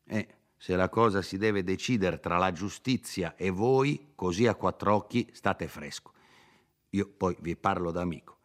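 A man voicing a scheming, pompous older country lawyer with a smooth, condescending manner, in a dramatized reading of a classic novel. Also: low voice, unhurried. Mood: slyly advising.

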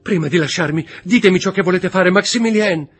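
A husky-voiced man voicing a distraught young noblewoman, lifting his voice high and crying out emotionally. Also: lively intonation, moderate pace, faint music behind. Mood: pleading. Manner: raised pitch, emotional, cries out.

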